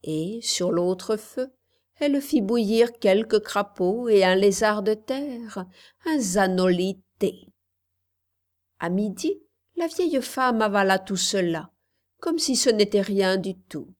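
A woman narrating a storybook at an unhurried, measured pace. Her voice sits in a middle range and she reads expressively, shaping each sentence with care. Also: mid-range voice, expressive, a little mellow. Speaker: audiobook reader.

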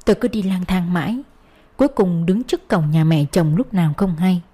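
A woman's voice: fairly low pitch, lively intonation, normal speed, dark tone, slightly rough. Woman reading a sorrowful first-person story. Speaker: audiobook narrator.

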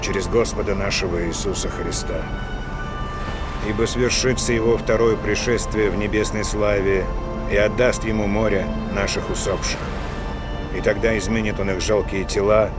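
Guy playing a decisive warship captain, lowish voice, terse and grave, war movie dub, loud soundtrack. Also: steady tone, normal speed, over loud music, close to an everyday voice. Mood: solemn. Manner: terse, commanding. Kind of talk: dubbed war film acting.

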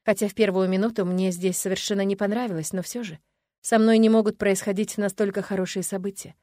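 A woman narrating a first-person fantasy romance audiobook in an expressive storytelling manner. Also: mid-range voice, fast, no echo.

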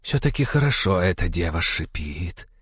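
A man's voice: low voice, very animated, normal speed, fairly bright tone, slightly rough, no room sound, clean studio sound, exaggerated voice. A man voicing a sly, mocking female naga in an audiobook. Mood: gloating.

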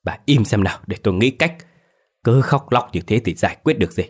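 A man voicing a stern, short-tempered wealthy father who snaps at his wife and shouts orders to servants. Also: lowish voice, expressive, fairly quick. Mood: stern, commanding. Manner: barking orders, gruff.

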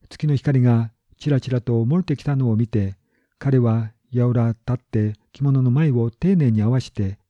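A man calmly reading a literary story aloud as narrator, in measured, even sentences. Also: mid-range voice, dry recording. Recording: dull lo-fi recording.

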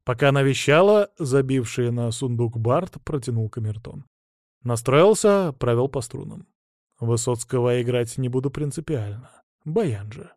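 A man's voice: mid-range voice, animated, normal speed, a little mellow, no room sound, studio quality. A man narrating a fantasy audiobook in the first person, in a wry tone.

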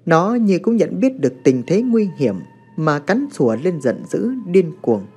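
A man narrating a horror story in a dramatic, expressive way. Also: high voice, measured pace, slightly rough, soft background music.

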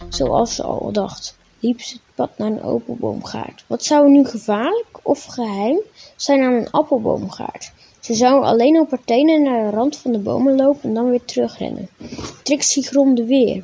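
A woman reading a children's story aloud in a clear, measured way, then talking to young listeners about faith. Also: fairly high pitch, mellow, highs cut off.

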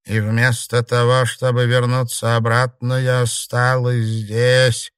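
A man voicing the ghost of a vengeful dead old woman, speaking slowly with a hiss. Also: mid-range voice, completely flat delivery, clear, resonant tone, no room sound, studio quality, voice pushed up, natural voice. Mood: scheming. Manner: slow, drawn-out, hissing. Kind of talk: audiobook character voice.

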